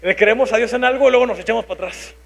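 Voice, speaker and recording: A man's voice: very high-pitched, rapid-fire, gravelly. A man in his thirties with a Mexican Spanish accent, preaching a sermon, telling a personal story and acting out his own thoughts. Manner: animated, acts out his own inner voice.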